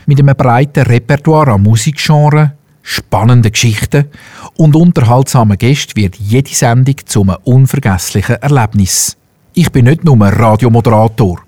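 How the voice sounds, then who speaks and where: A middle-aged man delivers a polished, promotional voice reel as a radio host and voice-over artist. His voice is mellow and warm, recorded dry and close on a studio microphone. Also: mid-range voice, normal speed, dry recording. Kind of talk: scripted self-promotional voice reel.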